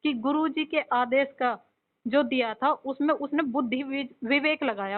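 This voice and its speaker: Insistent woman on a tinny line. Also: a little high. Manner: insistent, keeps cutting in with "listen". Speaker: devotee raising doubts. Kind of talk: argumentative religious debate. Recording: tinny phone-like sound.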